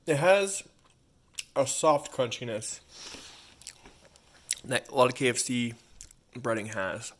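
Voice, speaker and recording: A man's voice: medium pitch, animated, slow pace, pauses often, a bit bright. A man giving a casual food review while eating crunchy fried chicken.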